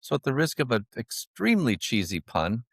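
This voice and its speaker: A man with a mid-range voice, vocal fry and a breathy edge speaks at a moderate pace. As a financial advisor guest on a storytelling podcast, he's animated and jokey, laughing at his own lines. The studio-quality recording has no echo.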